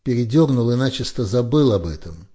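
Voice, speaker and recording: A man narrating an audiobook in a steady, measured way. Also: mid-range voice, slightly rough. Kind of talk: scripted narration.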